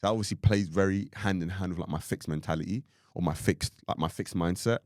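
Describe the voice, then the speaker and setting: A man's voice: sits low, fairly quick, darkish tone, no echo, studio quality. A young man co-hosting a podcast, chatting casually in a rambling way with lots of fillers. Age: young adult. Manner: rambling, filler-heavy, full of "like". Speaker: podcast co-host.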